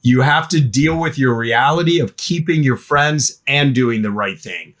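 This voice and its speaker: A middle-aged man, a guest expert, answering podcast interview questions in an animated way, often acting out parents and teens. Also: medium pitch, measured pace. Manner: animated, acts out parents and teens in quoted voices.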